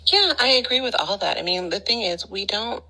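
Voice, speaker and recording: A woman talking in casual conversation, animated and emphatic, often acting out the voices of people she quotes. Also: medium pitch, a little fast, low-quality recording. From lives abroad in Italy.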